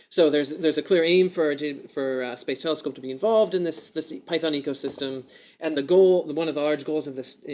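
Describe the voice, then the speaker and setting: A man speaking at a conference, giving an informal, emphatic short talk and often seeking agreement. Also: fairly high pitch.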